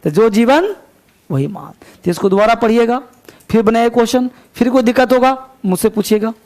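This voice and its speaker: Male English teacher, high voice, gravelly, unhurried story reading with explanation. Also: a little mellow. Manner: slow, deliberate reading of English lines, quicker asides. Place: coaching class.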